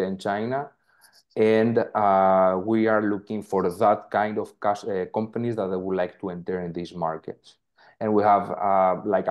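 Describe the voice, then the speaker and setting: A man's voice: sits low, darkish tone. Man, hesitant with uhs. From Greece. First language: Greek. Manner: hesitant, many "uh" fillers. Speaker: trade consultant. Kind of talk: online meeting introduction. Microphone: video call.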